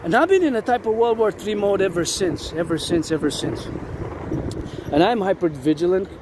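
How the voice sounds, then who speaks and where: Standing by a road full of vehicles, a male vlogger with a high, animated voice rambles on at a normal pace, repeating words and phrases insistently. Loud traffic noise dominates the clip, backed by passing cars and city ambience.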